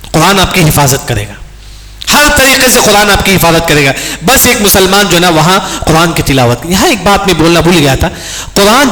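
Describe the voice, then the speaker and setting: A man's voice: sits high, pushed and bright, a little hiss or hum. A man preaching a sermon in a mosque. He asks his own questions, answers them himself and keeps repeating reminders to remember. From India. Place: large mosque hall. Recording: echoey mosque hall, long reverb.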